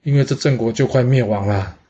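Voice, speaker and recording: A man's voice: mid-range voice, brisk, mellow, slightly rough, natural voice. A man voicing an aging male envoy who reasons earnestly, step by step. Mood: persuasive. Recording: dull lo-fi audio.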